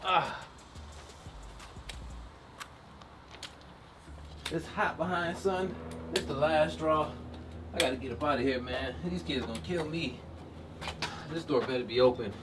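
A man's voice: on the high side, normal speed, lightly acted. A man playing a grumpy, exasperated seventy-year-old grandpa, grumbling in a loosely improvised family comedy skit. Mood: exasperated muttering. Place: around a house, indoors and outdoors. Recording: noisy, roomy, distant camera-mic sound.

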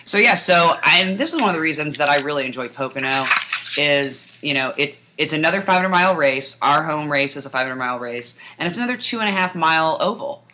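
A woman's voice: sits low, animated, a little fast, pushed and bright, a little hiss or hum. A woman co-hosting a racing podcast in casual chat, swearing freely and laughing often. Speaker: podcast co-host.

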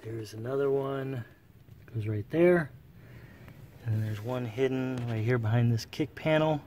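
This is a car repair how-to presenter: a man with a dark-toned, mid-range voice, heard with slight background noise. He chats plainly and unhurriedly through each step of a casual demonstration while working with tools under a dashboard.

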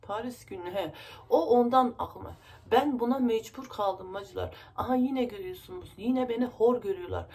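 A woman's voice: fairly high pitch, normal speed, darkish tone. A woman vlogger venting to her viewers in a rambling, emotional way, her nose stuffy from crying. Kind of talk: casual vlog talk to viewers.

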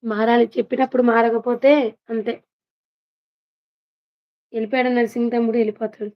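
Woman host on a live stream, greets viewers one by one, high and even, lo-fi phone audio. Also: brisk. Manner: chatty, greets viewers one by one, laughs often. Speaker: vlogger hosting a live stream. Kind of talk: casual live-stream chat, reading viewer comments.

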